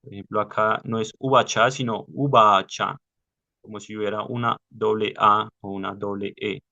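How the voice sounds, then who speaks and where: A man leading a study class over a video call, explaining patiently step by step with many pauses. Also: on the low side, little pitch movement, creaky, bright, forceful tone, muffled recording. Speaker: study group leader.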